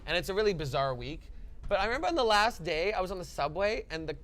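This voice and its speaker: A man, a stand-up comedian, chatting casually in an interview, playful and quick to joke. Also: high-pitched, big pitch swings, fairly bright tone, slight background noise.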